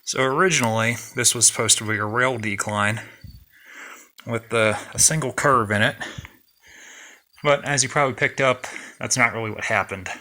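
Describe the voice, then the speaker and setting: A man with a very sharp, bright, forceful voice walks viewers through an underground mine. His delivery is casual and plain-spoken, and he often halts on fillers as he goes. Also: mid-range voice, moderate pace, long pauses. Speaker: mining vlog host. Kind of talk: casual on-site walkthrough.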